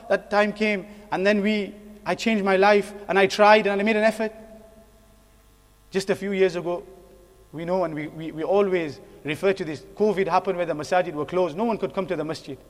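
This sermon comes from a high-voiced man preaching in a mosque hall, where a long reverb makes his words echo. He exhorts earnestly, returning to repeated phrases and asking rhetorical questions.

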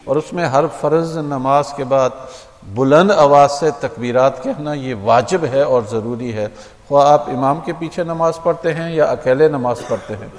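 A man speaking as an imam, explaining religious practice to a congregation in a steady, explanatory way with small hesitations. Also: mid-range voice. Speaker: imam giving a mosque talk. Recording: long hall reverb.

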